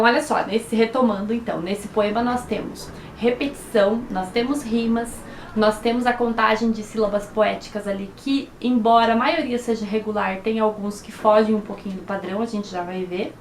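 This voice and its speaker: Professora brasileira de voz aguda. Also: female voice, a little high, reverberant, slight background noise. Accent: Brazilian Portuguese. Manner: slow, syllable-by-syllable explanations with frequent "né?". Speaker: teacher. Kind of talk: online lesson for children.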